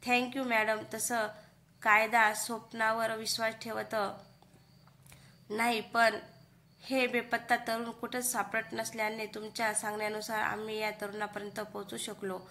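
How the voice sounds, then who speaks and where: A woman's voice: fairly high pitch, flat delivery, a little slow, sharp tone. A woman voicing a polite male police officer.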